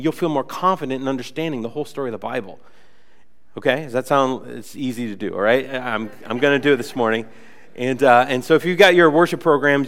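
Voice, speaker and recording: Long reverb trails this young man's mid-range voice as he preaches in the church sanctuary. He's a pastor giving an informal, talky sermon, somewhat nasal from a cold and peppered with casual fillers.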